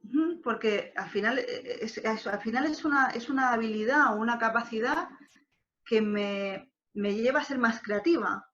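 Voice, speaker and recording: A woman guest on a podcast talks reflectively about herself, often pausing to find her words. Her voice sits a little high. The audio is slightly muffled and lo-fi. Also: fairly bright tone. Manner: thoughtful, hesitant, many fillers. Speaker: interview guest, wedding planner. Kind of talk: reflective conversation.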